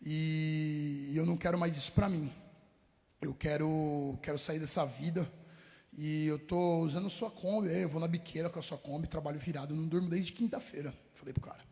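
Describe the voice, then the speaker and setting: A man's voice: on the high side, fairly even intonation, fairly quick, a little mellow, in a large hall. A man, a rapper telling his life story in an interview, full of street slang and acting out old conversations, sometimes choking up. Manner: street slang, acts out past dialogues, chokes up at times. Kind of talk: emotional personal testimony in an interview.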